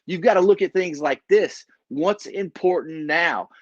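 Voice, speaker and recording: This is a man with a country Texan accent coaching on a webinar. He speaks in a folksy, emphatic way and repeats his points for effect. His voice sits a touch high, and the sound is dull and dry, as if through a video call. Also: a little slow, dry recording. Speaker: business coach. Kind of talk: motivational webinar talk.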